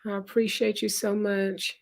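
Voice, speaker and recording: A woman's voice: mid-range voice, level tone, creaky. A woman hosting a live stream in a casual, conversational way, greeting viewers by name and reading their chat comments aloud. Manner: unhurried, conversational. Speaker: livestream host.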